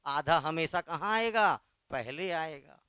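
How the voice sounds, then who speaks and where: A man teaches Hindi letters in a slow, emphatic way, with a Chhattisgarhi Hindi accent, spelling the sounds out piece by piece. His voice sits high and comes across smooth and clear. The sound is dry and close. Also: animated, pushed and bright, dry recording. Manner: quizzing questions then answering them. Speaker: Hindi tutor. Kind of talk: classroom lesson.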